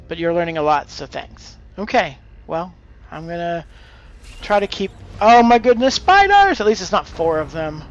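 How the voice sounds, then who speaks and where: A man with a slightly high voice offers casual live gaming commentary and tips, thinking aloud as he plays. He sounds hesitant and exclaims at the game now and then, and the recording is muffled.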